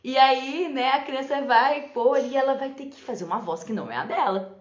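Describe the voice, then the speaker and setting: A woman's voice: high voice, moderate pace. Chatty woman teacher in an echoey room. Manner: chatty, often adds "né?" and laughs. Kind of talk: live talk on teaching for parents and teachers. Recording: echoey room, slightly dull lo-fi sound.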